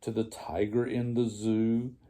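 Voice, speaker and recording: An older man, a grandfather, reading a children's storybook aloud in a slow, deliberate, gravelly old man's voice. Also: lowish voice, little pitch movement, warm tone.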